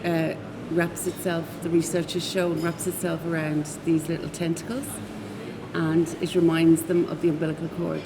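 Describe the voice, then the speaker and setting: An Irish woman explains things in a casual interview way. Her voice is very low and stays flat in pitch, with clear noise behind her. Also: moderate pace. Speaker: knitting group activist.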